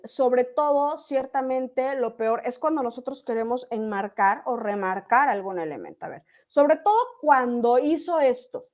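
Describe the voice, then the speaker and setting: A woman's voice: high voice, darkish tone. A woman teacher, explaining a lesson step by step to an online class and often checking in with her students.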